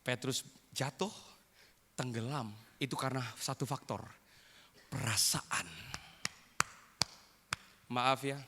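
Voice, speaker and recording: Animated preacher in a reverberant church hall. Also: male voice, mid-range voice, takes it slowly, pauses often, a little hiss or hum. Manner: animated preaching with acted quotes and sudden loud bursts. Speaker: pastor. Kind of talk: sermon.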